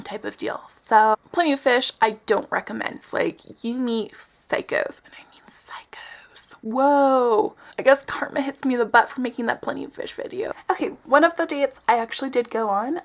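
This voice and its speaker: A young woman in her early twenties telling a dating story to camera in a chatty way, full of "um" and "like". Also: high voice. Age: young adult. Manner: chatty, lots of "um" and "like", mimics voices for effect. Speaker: vlogger. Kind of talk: casual storytelling vlog.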